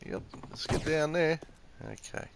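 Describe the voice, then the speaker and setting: Slightly high-voiced and animated, this man speaks at a measured pace with some vocal fry, and background noise can be heard. A flu-stricken gaming streamer, he offers casual, faltering commentary and explanations through a PS4 headset mic. He's set up in a room next to an office with the windows open.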